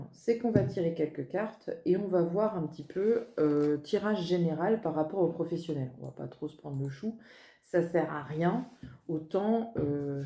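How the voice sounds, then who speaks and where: A woman's voice: on the low side, warm tone. Chatty woman reading cards, roomy echo. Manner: chatty, self-mocking, laughs at herself. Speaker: medium giving a card reading. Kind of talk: casual spoken card reading. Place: indoors at her desk.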